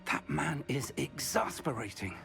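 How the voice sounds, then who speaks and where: A weary, refined male professor guiding a student in a video game. His speech is polite and formal, with a lively pitch, and soft game music plays behind him. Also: measured pace, gravelly, heavily acted.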